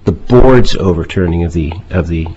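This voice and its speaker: Male judge, deepish husky voice, halting questions from the bench, muffled court audio. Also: warm tone.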